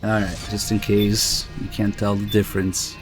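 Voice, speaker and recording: A man's voice: fairly low pitch, monotone, moderate pace. A man giving casual, sardonic and sweary commentary while he streams a video game. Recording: voice over loud game music.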